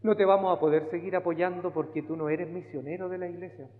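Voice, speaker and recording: A man with a Chilean accent, a pastor preaching a sermon and telling his own story with lively acted-out voices. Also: high voice, fast talker. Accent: Chilean Spanish. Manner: animated storyteller acting out voices. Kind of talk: sermon testimony. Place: church sanctuary. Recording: phone-like band with long hall reverb.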